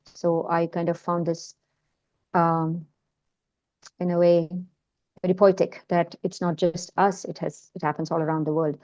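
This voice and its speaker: In an informal online session, a woman who speaks Malayalam and has a mixed Indian-American accent talks about her film work, hesitating with fillers and restarts. Her fairly low, darkish voice shows little pitch movement, runs a little slow and pauses often, and the audio is dull.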